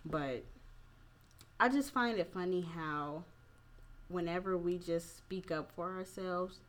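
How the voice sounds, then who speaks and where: Female host, low register, mildly tipsy, blunt and informal, opinionated conversational delivery. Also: takes it slowly. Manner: candid, profane, informal slangy phrasing. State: a little tipsy. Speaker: podcast host. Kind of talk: casual opinionated talk.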